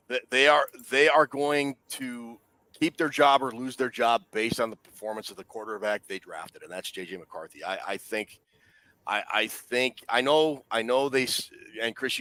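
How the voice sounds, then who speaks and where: A man's voice: fairly low pitch, bright, forceful tone. A man co-hosting a casual sports talk show, leading the discussion and teasing his co-hosts with questions. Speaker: podcast co-host.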